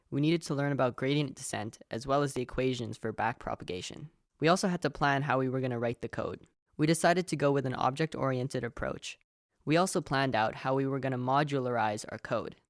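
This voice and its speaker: Young male student, scripted tutorial voice-over, even explanatory delivery, mid pitch, close dry mic. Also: fairly quick, dry recording. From Canada. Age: young adult. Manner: steady, explanatory. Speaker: student presenter.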